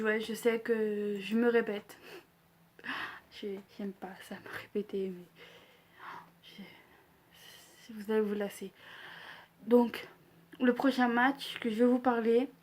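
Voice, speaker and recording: Young woman vlogger, slow and hesitant, flat delivery, higher-pitched, casual predictions chat. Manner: hesitant, many fillers, self-deprecating. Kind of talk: casual wrestling predictions vlog.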